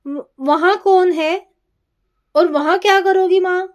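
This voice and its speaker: A woman voicing a concerned young adult son who asks his mother calm questions. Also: extremely high pitch, slow pace, muffled recording, pitched above the performer's own voice.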